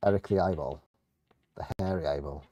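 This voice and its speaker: A man's voice: a bass voice, a little fast, mellow, dry recording, muffled recording. A man co-hosting a bingo game with casual banter and commentary. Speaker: bingo co-host.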